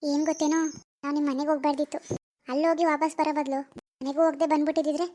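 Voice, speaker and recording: Woman doing a teasing young cartoon wife, high voice, talks fast. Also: flat delivery, mellow, close to an everyday voice. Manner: teasing, coaxing. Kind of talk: cartoon voice acting.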